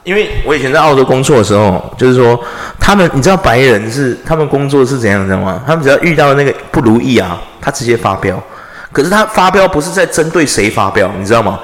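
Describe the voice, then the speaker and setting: A young man from Taiwan, host of a casual chat podcast, telling stories in an animated way, swearing and acting out quarrels loudly. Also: mid-range voice, quick pace. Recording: echoey room with long reverb.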